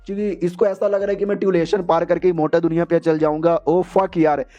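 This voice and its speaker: A man recaps an anime story in casual, chatty talk and chuckles at the plot. His voice is high and mellow, and the recording sounds dull and lo-fi. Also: flat delivery, brisk, no echo. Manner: chatty, slangy, laughs at the story.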